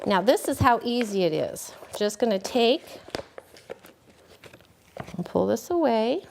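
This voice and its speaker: A woman cake decorating instructor giving a relaxed, folksy hands-on demonstration, talking as she works. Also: fairly high pitch, unhurried, creaky, slight background noise. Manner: folksy, relaxed, talks while working.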